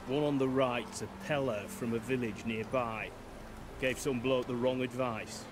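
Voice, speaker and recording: A man's voice: mid-range voice, fairly even intonation, a little slow, noisy background, close to an everyday voice. An actor playing a world-weary middle-aged male soldier in a video game, speaking plainly. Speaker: guard.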